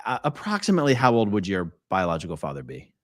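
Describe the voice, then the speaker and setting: A man's voice: low-pitched, wildly swooping pitch, fast talker, dry recording. A man hosting a live-streamed interview, asking probing questions in a conversational way. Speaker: interview host.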